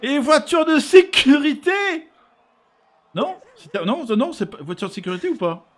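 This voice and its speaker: A middle-aged man giving excited motorsport commentary, exclaiming and repeating words for emphasis. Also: very high-pitched, brisk. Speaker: esports racing league commentator.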